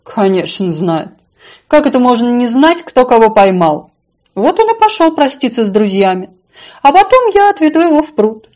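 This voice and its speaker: A woman voicing a sly, self-important female fish in a storybook, calm and unflappable. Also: on the high side, normal speed, pitched above the performer's own voice.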